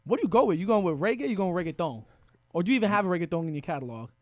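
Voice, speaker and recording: A man's voice: high-pitched, expressive, rapid-fire, no echo, studio quality. A man hosting a podcast, chatting casually with a guest, joking, laughing often and swearing freely. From half Dominican. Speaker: podcast host. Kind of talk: casual interview chat.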